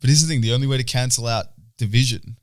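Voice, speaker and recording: A young Australian man co-hosting a podcast, trading deadpan, crude jokes and swearing. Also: mid-range voice, fast talker, no echo, clean studio sound. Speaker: podcast co-host. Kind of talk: casual crude banter.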